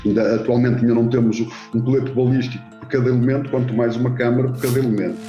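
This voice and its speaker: A man's voice: mid-range voice, fairly even intonation, very fast. A man with a European Portuguese accent giving remarks in an interview. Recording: dull, roomy sound, faint music.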